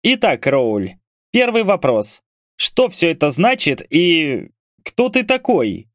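A man's voice: on the high side, wildly swooping pitch, slow, no echo, studio quality, pitched above the performer's own voice, full character voice. A man voicing a stern male werewolf who heads an agency, firm and pressing.

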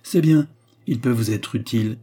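A man's voice: medium pitch, moderate pace, warm tone, natural voice. A man reading a practical old general. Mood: matter-of-fact. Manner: practical, matter-of-fact. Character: practical older male general, brisk.

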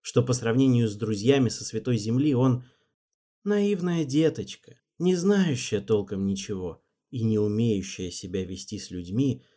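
A man's voice: mid-range voice, moderate pace, warm tone. Man narrating an audiobook steadily.

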